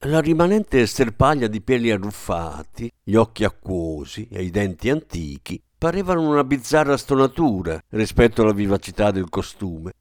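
Expressive male audiobook narrator. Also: fairly low pitch, dry recording, studio quality. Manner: expressive, measured storytelling. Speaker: audiobook reader. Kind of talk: scripted literary narration.

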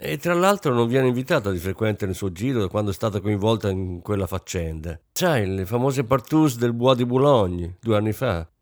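A man reading an audiobook, voicing a blunt, self-satisfied middle-aged businessman who talks gruffly and offhandedly. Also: lowish voice, expressive, normal speed, few pauses, no room sound, studio quality, close to an everyday voice. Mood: offhand. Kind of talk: audiobook character voice.

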